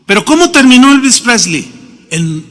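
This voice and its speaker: A man's voice: extremely high pitch, sing-song, moderate pace, fairly bright tone. A middle-aged man preaching a sermon, telling stories emphatically and acting out the quotes himself. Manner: emphatic, storytelling with acted quotes. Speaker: pastor. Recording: long reverb of a hall.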